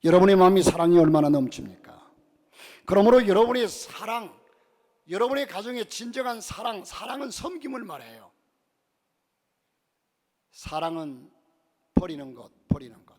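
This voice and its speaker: A male pastor preaching a sermon in a church, mixing humorous stories into his message and swinging between loud and soft delivery. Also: high-pitched, lively intonation, moderate pace, long pauses.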